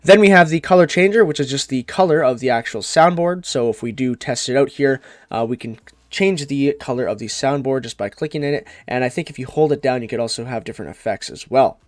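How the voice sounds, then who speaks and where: A man's voice: mid-range voice, a little fast, dry recording. A man giving a casual product review on a condenser mic, rambling a little with fillers and restarts.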